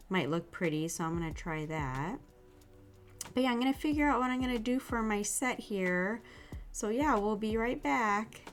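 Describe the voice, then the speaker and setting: Slightly under the weather with an irritated throat, a woman with a mid-range voice runs her own nail art channel. She chats casually through a product review, soft and gushing.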